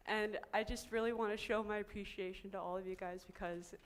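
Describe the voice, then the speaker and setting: A woman's voice: medium pitch, fairly even intonation, brisk. A woman co-hosting a forum, giving earnest, effusive closing thanks with repeated phrases for emphasis. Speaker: forum co-host. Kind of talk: closing remarks at a conference.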